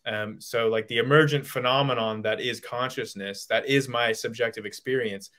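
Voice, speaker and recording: Guy guest in a call-in chat, bright voice, keeps saying like and restarting. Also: medium pitch, steady tone, normal speed. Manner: hedging, many "like"s and restarts. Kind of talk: casual debate over a call.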